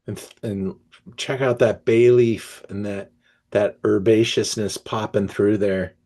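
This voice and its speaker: A man hosting an online wine tasting, reading tasting notes aloud and breaking off to react with enthusiasm, often pausing with fillers and restarts. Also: on the low side, steady tone, mellow. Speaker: wine merchant presenting a tasting.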